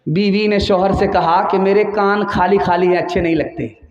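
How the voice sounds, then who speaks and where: A man's voice: sits high, steady tone, dull audio, a crowd in the background. Man, Indian Urdu accent, preacher, sermon with parables, emphatic storyteller, echoey hall. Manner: emphatic storytelling, urging listeners to pay attention. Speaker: Islamic preacher.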